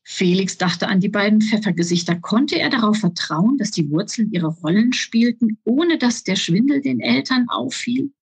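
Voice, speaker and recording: Breathy woman reading a children's book. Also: medium pitch, expressive, moderate pace, few pauses, dry recording. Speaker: author reading her book.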